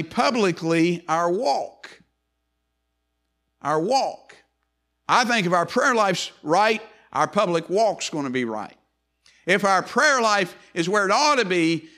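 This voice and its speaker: An older male pastor preaching to his church in a high, bright, ringing voice. He repeats key phrases and stretches out the words he stresses. His delivery is earnest and emphatic. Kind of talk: sermon.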